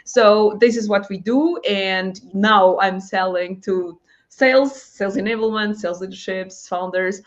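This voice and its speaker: A woman speaks as an interview guest, lively and quick to laugh. Her voice sits at a middle pitch and comes through a dull, lo-fi feed. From Portugal. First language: Portuguese. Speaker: guest, head of growth. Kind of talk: live interview. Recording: dull lo-fi audio.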